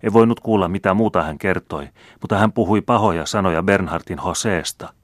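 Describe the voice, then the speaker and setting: A man's voice: deep voice, dry recording, clean studio sound. A man reading the part of an anxious young noblewoman who speaks breathlessly and pleads.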